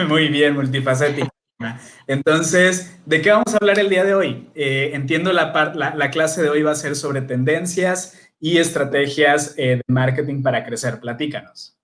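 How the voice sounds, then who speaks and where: A man's voice: on the high side, moderate pace, fairly bright tone. Man hosting a webinar. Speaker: host. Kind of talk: hosting an online masterclass.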